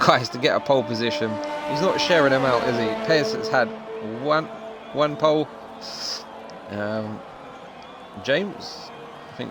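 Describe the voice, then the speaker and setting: A young man commentating a sim racing league, excitable and chatty with casual slang. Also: mid-range voice, creaky, noisy background. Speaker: race commentator.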